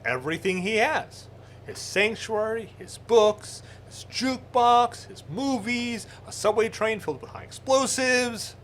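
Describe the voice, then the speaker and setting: A man's voice: high voice, a little slow, fairly bright tone, slight background noise. A man co-hosting a comedy show, recapping a plot in a mock-earnest, sarcastic way. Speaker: co-host pitching a mock script.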